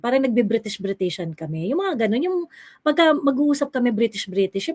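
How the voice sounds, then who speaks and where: A woman co-hosting a gossip commentary show, firing off rhetorical questions as she picks apart someone's behavior. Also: fairly high pitch. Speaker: show co-host.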